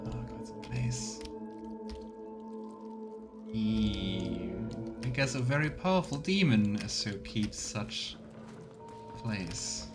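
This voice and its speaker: Playing a fantasy role-playing game with music in the background, a man murmurs to himself and thinks aloud in casual let's play commentary. His lowish voice has big pitch swings, and he talks slowly with long pauses.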